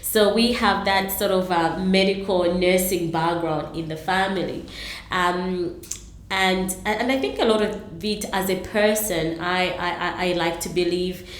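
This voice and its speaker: The interview guest, a middle-aged Zambian entrepreneur, talks a little slowly in a fairly low voice that sounds roomy. Her answers are earnest but full of ums and false starts.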